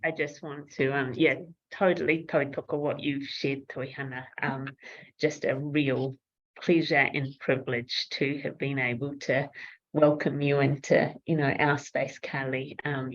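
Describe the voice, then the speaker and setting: New Zealand-accented facilitator, hesitant and thankful; mid pitch, dull audio. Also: flat delivery, a little slow. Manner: warm thanks, hesitant with frequent ums. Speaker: session facilitator. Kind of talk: thanking and summing up a session.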